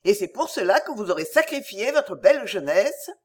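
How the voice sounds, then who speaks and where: A gruff old peasant woman, as a woman reader plays her in a storybook reading, grumbling and scolding with pity underneath. Her voice rises and falls with lively emphasis. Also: mid-range voice, moderate pace.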